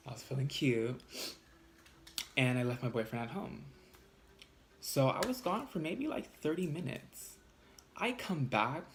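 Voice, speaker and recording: A man in a casual storytime vlog, talking fast and loose with plenty of cursing. He sits at an ordinary middle pitch but jumps sharply upward when he quotes people. Faint background noise runs under his voice. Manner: animated, profane, jumps high in pitch when quoting arguments. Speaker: vlogger.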